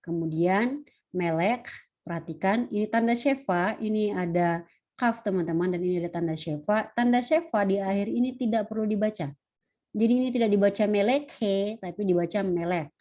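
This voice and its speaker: A woman lecturer teaches an online lesson in a patient, step-by-step way, slowing down to sound out each word. Her voice sits in a middle pitch. The audio is dull and lo-fi. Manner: patient, explains step by step, slows to sound out words.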